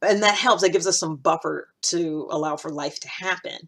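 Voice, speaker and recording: An American woman in her thirties, a podcast host, gives informal, unscripted self-improvement advice to camera, emphatically repeating key points for stress. Her voice is fairly low and her pace moderate.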